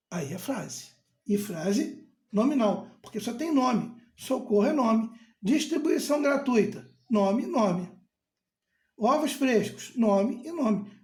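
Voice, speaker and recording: A man explains grammar in an unhurried, mellow voice. He repeats key terms and answers imagined questions from his students. The recording carries a roomy echo. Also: sits high. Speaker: grammar teacher. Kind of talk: casual explanatory lesson.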